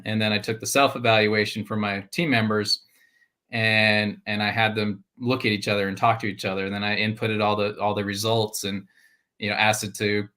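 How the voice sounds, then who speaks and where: A man's voice: lowish voice, flat delivery, fairly quick, sharp tone. A man co-hosting a live workplace talk show, chatty and teasing, with frequent laughs. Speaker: podcast co-host. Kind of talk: casual live show chat.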